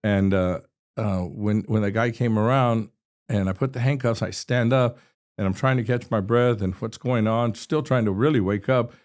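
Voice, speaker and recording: A man's voice: fairly low pitch, normal speed, a little mellow. A man in his sixties from Texas, a state representative telling a personal story as a podcast guest, earnest and vivid, often restarting his sentences.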